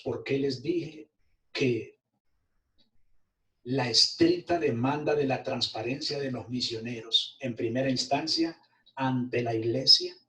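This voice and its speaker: A man preaching a sermon as pastor, stretching his words and swinging his pitch. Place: church hall. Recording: echoey church from far off.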